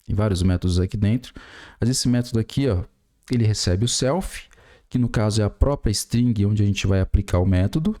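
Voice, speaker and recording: This programming tutor, a Brazilian man in his 40s, has a fairly low, warm voice and a Brazilian Portuguese accent, and he speaks fairly quickly. In his screen-recorded coding tutorial he walks through each step while typing, filling gaps with many fillers.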